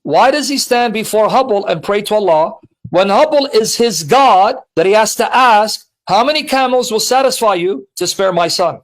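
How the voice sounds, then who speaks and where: A man hosting a heated call-in debate, pressing his caller with rapid rhetorical questions and reading passages aloud. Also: high voice, poor audio. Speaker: host.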